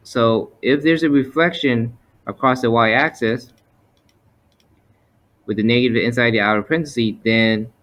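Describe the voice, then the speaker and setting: Male instructor, average pitch, step-by-step explanatory screen-lesson narration with methodical repetition. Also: moderate pace, fairly bright tone. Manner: methodical, explanatory, repeats points. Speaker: math teacher. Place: voice-over for a screen recording.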